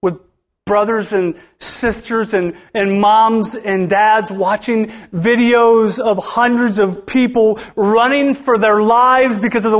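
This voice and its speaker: A middle-aged man preaching a sermon in a church with a notably high voice. He swings between loud, rising lines and hushed, near-whispered ones. He often calls out to the congregation for a response. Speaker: pastor.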